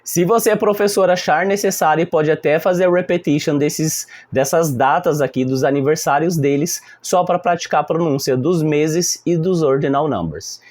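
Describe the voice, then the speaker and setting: A man's voice: on the high side, normal speed, hardly any pauses. A man with a Brazilian Portuguese accent, a teacher explaining a lesson plan to other teachers and acting out how the class talks back. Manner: animated, acting out classroom exchanges. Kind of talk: instructional talk to fellow teachers.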